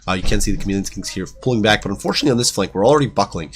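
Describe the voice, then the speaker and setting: A man's voice: lowish voice, expressive. A man with a sick, nasal voice giving chatty game battle commentary, with many fillers. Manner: chatty, quick, lots of fillers. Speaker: gaming commentator.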